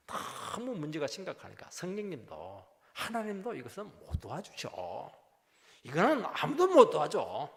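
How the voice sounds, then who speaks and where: A middle-aged male pastor preaching a sermon, animated and lively, acting out quoted voices with sudden jumps in pitch and loudness. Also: gravelly. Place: church sanctuary. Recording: long hall reverb.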